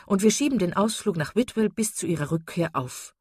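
A woman's voice: mid-range voice, lively intonation, fairly quick, a little mellow, breathy edge, no echo, studio quality. A woman voicing a polite, gracious lady of the house in a read-aloud novel.

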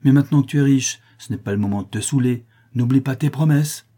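A man's voice: mid-range voice, fast talker, mellow, voice pushed up, lightly acted. A man voicing a cunning schemer who gives firm, persuasive orders in an audiobook. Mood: commanding. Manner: commanding, persuasive.

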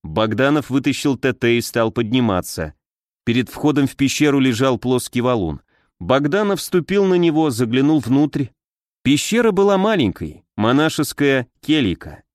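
A man narrating an audiobook in a steady, even reading. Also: medium pitch, normal speed, no echo, clean studio sound. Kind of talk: scripted narration.

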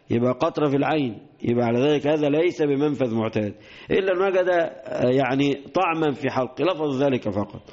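A man's voice: mid-range voice, darkish tone, lo-fi sound. A man with an Egyptian accent teaching a religious lesson, repeating key phrases and mixing colloquial explanation with classical quotations. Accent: Egyptian Arabic. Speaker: sheikh teaching hadith.

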